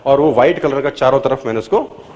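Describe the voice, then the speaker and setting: A middle-aged man giving a motivational talk, telling his own story and swinging between loud emphatic peaks and low quiet asides, with English phrases mixed in. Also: fairly quick, lo-fi sound. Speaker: motivational speaker.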